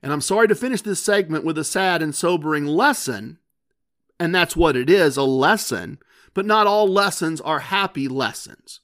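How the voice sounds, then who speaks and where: A man's voice: on the high side, lively intonation, moderate pace, a bit bright. A man hosting a gambling podcast, telling a story in an earnest, conversational way with frequent restarts. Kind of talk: casual storytelling monologue.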